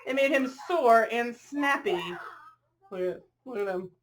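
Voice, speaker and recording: A woman with a fairly high voice reads a children's picture book aloud, a little slowly and expressively. She adds chatty asides and pulls listeners in with questions and exclamations.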